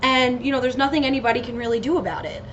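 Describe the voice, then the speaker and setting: High-voiced, giggly American woman rambling casually. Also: fairly even intonation, rapid-fire, fairly bright tone. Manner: giggly, scattered, easily losing her train of thought. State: slightly loopy on painkillers. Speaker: solo podcast host. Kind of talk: casual rambling solo chat with swearing. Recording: muffled lo-fi home recording with noticeable noise.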